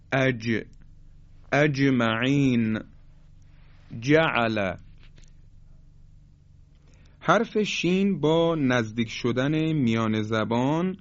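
A man giving a formal, polite pronunciation lesson on Quran recitation, repeating sounds slowly to demonstrate them. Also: mid-range voice, no room sound. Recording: slightly dull lo-fi sound.

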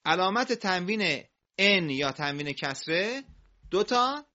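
A man teaching recitation, explaining quickly and then drawing out example words slowly for students to repeat. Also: high voice, big pitch swings, bright, forceful tone. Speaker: Quran reading teacher. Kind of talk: recitation lesson. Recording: muffled lo-fi audio.

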